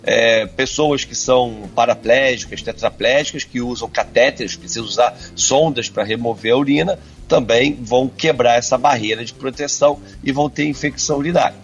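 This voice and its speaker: A man with a halting voice over a dull landline phone line. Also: mid-range voice, soft background music. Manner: halting, many filler sounds and restarts. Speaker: urologist guest. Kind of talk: radio interview answers.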